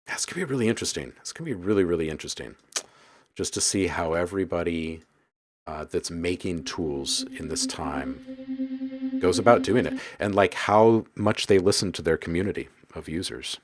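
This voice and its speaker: Low-voiced guy on a casual stream, lively up-and-down delivery, mumbles while he works. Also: fairly quick. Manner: reads viewer comments aloud and muses on them; mutters while editing sounds. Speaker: live-stream host and sound designer. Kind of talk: casual live-stream chat.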